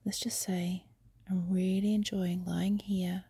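A young adult woman whispering softly and confidingly into a phone while lying in bed. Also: fairly low pitch, level tone, no room sound, studio quality. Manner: soft breathy whisper, unhurried and confiding. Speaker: amateur audio creator. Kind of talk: whispered intimate audio diary. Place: in bed, lying on her side. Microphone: phone held close.

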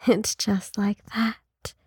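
A woman in an intimate adult ASMR role-play, speaking in a sultry, teasing, breathy way like a seductive narrator. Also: medium pitch, level tone, very slow, darkish tone, dry recording, studio quality. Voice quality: husky, breathy.

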